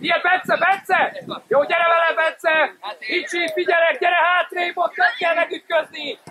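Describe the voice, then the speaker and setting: A man's voice: very high-pitched, steady tone, sharp tone. A man coaching a youth football match from the sideline outdoors, calling players by name with short commands. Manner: calls out names and short commands. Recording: noisy outdoor field recording.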